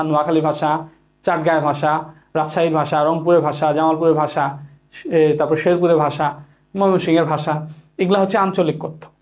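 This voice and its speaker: A man giving an online exam-prep lecture, who asks the class questions and answers them himself, repeating key points and mixing in English words. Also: a little high. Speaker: teacher.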